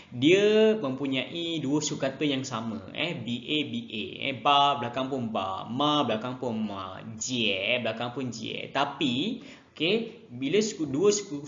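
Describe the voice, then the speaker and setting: A man teaching a Mandarin lesson online, speaking slowly and repeating each word twice for students to copy. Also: mid-range voice, a bit bright, echoey room, dull audio. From Malaysia. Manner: slow, drills pronunciation by repeating words twice.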